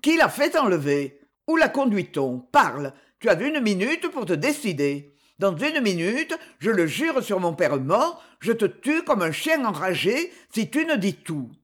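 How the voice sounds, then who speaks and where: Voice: medium pitch, big pitch swings, measured pace, hardly any pauses, fairly bright tone. A reader voicing a young nobleman who hurls fierce, commanding threats in anger and desperation. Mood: threatening. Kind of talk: audiobook reading.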